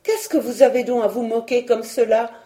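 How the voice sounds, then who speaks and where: A woman's voice: a little high, fairly even intonation, moderate pace, mellow, natural voice. A woman reading a storybook, voicing a kind-hearted young country girl who speaks earnestly. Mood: indignant.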